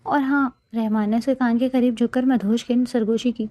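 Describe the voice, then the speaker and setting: A woman narrating a romance novel she wrote, in soft, steady storytelling. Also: a little high, no echo.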